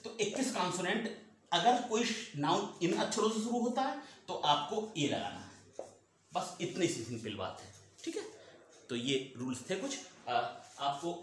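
A man teaching a class, repeating each point and asking and answering his own questions. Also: on the high side. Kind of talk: classroom lesson. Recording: very echoey room, faint noise.

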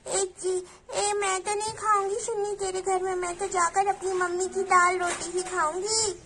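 A woman's voice: very high-pitched, little pitch movement, moderate pace, noisy background. A woman doing a blunt little girl.

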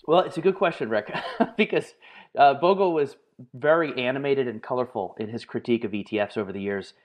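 A man being interviewed on a podcast, answering in long, lively stories with frequent fillers. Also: medium pitch, brisk, lo-fi sound. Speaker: guest, market analyst and author.

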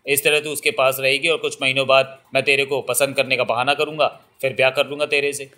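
Male reader doing a devoted young village man, earnest and protective, bright voice. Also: medium pitch, level tone, a little fast, lightly acted. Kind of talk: audiobook reading.

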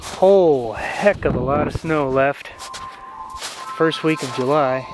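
Slow-talking man narrating a mountain trip. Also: mid-range voice, noisy background. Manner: relaxed, unhurried running commentary with fillers. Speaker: hiker filming his own trip. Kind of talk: casual vlog narration. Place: outdoors on a snowy mountain ridge. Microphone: handheld camera at arm's length. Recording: background music over the voice.

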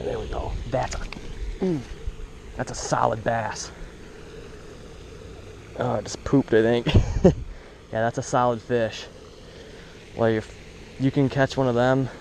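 Wearing an action camera on his head, a young man chats to his viewers while bass fishing at a suburban pond outdoors. The rough recording has slight background noise, and his casual commentary is excited and full of slang like bro and dude.

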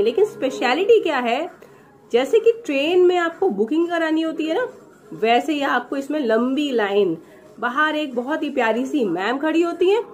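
A woman in her thirties from India, chatting sarcastically to a phone camera in a small room, slipping English phrases into her talk. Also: high voice. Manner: gestures with her hands as she talks. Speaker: vlogger. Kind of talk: casual review vlog.

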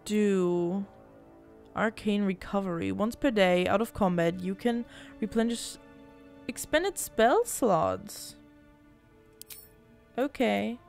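Over game music, a gameplay video host gives casual let's-play commentary on a role-playing game, teasing, grumbling at and swearing at her party. Her mid-range voice moves slowly, with vocal fry, long pauses and a slightly mellow quality.

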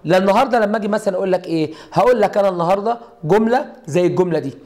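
A man's voice: high-pitched, racing, darkish tone, a little hiss or hum. A middle-aged man with an Egyptian accent, teaching Arabic grammar at a board and explaining step by step with repeated rhetorical questions to his students. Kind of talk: classroom lesson at a whiteboard.

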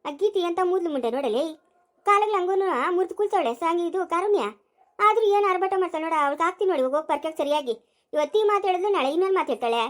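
A very high, rapid-fire voice of a scolding village mother-in-law, played by a woman. She fires off complaints and insults in a sharp, nagging rush. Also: expressive.

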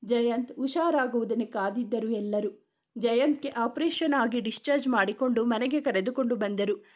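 A woman reading a dramatic family story aloud in a steady narrating voice. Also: on the high side, normal speed.

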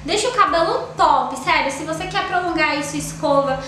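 Sitting in a small room with a sofa, a young Brazilian woman in her twenties gushes over beauty products at normal speed, her animated voice sitting high and a bit bright. She speaks Brazilian Portuguese, dotting her chat with tag questions like "tá?" and "ó", and the room echoes heavily over faint noise.

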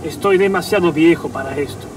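A man's voice: a little high, fairly quick, recorded from a distance, lightly acted, rough recording. An actor playing a weary family-man cop dreaming of retirement, rambling and melodramatic in a buddy-cop parody. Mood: weary dismay. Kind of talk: parody of dubbed American buddy-cop show. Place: inside a parked car. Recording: off-mic in car, faint traffic.

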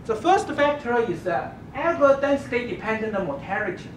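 A woman giving an academic thesis defense presentation, explaining step by step in a halting way. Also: very animated. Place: dark lecture room with projection screen. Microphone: distant camera microphone. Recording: distant, echoey room recording with rumbling noise.

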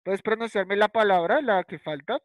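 A man's voice: high-pitched, moderate pace, no echo, poor audio. Patient man teaching children online. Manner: patient, repeats words, ends lines with ¿cierto? and ¿listo?. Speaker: primary school English teacher. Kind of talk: online class in Spanish and English. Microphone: video call.

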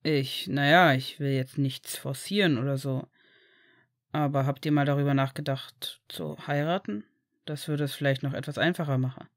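A woman voicing a reserved, quietly warm grown man in a storybook reading, speaking low and measured. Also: fairly even intonation, dry recording, clean studio sound. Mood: tentative.

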